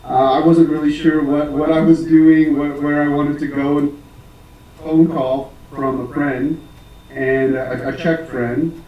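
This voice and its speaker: An American man who teaches English, answering interview questions casually with many pauses, fillers and restarts. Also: fairly high pitch, level tone, reverberant, distant mic, lo-fi sound. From United States.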